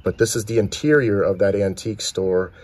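A man's voice: fairly low pitch, brisk, darkish tone. A man filming with a handheld phone outdoors, casually narrating a tour of filming locations and pointing out details. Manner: chatty, pointing things out, restarts often. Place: outdoors and at shop windows in a small town.

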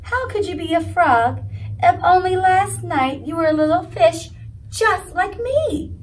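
A woman's voice: very high voice, animated, a little slow, recorded from a distance, a little hiss or hum, pitched above the performer's own voice. A woman voicing a curious, impatient young male fish full of eager questions. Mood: doubtful.

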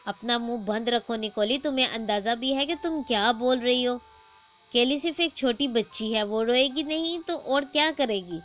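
A woman's voice: a little high, fairly bright tone, faint music behind, lightly acted. A woman voicing an emphatic young mother. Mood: scolding. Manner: emphatic, raised dialogue voice. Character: harried adult mother of two young daughters. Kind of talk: storybook dialogue.

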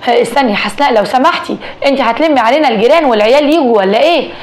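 A practical, level-headed Egyptian husband, voiced by a woman narrator. He talks fast and reassuringly in a slightly lowered, fairly high voice, as in a storybook. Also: close to an everyday voice. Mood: steady. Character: worried husband, calm and practical. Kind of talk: storytelling dialogue.

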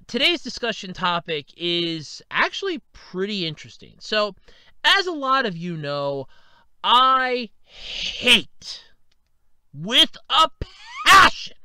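A man in his thirties giving a casual opinion monologue, swinging between loud outbursts and low mutters. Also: no echo. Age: 30s. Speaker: video commentator.

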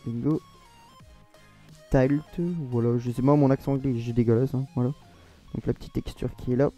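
Man, French accent, casual tutorial talk, rambling and self-correcting, mellow dark tone. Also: medium pitch, level tone, fast, soft background music. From France. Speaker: modding tutorial creator. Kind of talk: casual screen-recorded tutorial.

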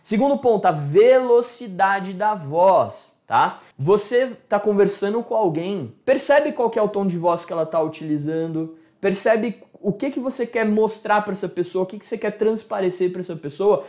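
A Brazilian-accented instructor teaching a relaxed video lesson on communication. The delivery is chatty and direct, speaking to viewers as a group and often pausing to check that they follow. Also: medium pitch. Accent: Brazilian Portuguese.

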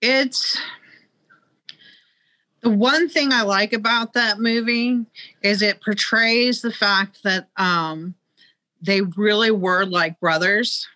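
A woman's voice: mid-range voice, slow pace, pauses often, bright, forceful tone, dry recording. A middle-aged woman guiding a museum, speaking on a video call in a knowledgeable way with frequent hesitations. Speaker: museum guide. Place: museum exhibit room, indoors. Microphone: video call, webcam.

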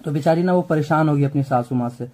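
A man's voice: a little high, quick pace, darkish tone, poor audio. A man teaching a chatty exam-prep biology lesson, often repeating points and checking that students follow. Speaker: biology tutor.

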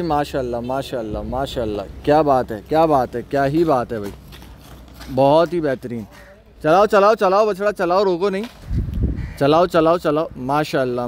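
Filming livestock in an outdoor farm yard, this cattle market vlogger speaks from behind the camera in Karachi Urdu, repeatedly saying "mashallah" and directing handlers to move a calf. His voice sits in the mid range, with a little hiss or hum on the recording.

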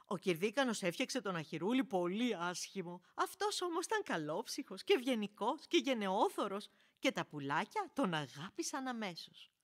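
A woman narrating a children's radio play in an expressive storytelling manner. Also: mid-range voice.

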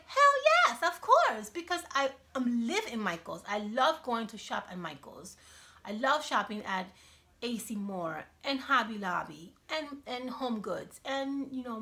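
A chatty, animated woman from Cuba, in her thirties, filmed on a phone on a stand in her kitchen at home. Her voice sits a little high and sounds bright and sharp. She talks freely and gestures as she speaks, in an easygoing vlog style. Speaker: YouTube vlogger. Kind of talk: casual Q&A vlog. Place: home kitchen, indoors, small room. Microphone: iPhone on a selfie stand.

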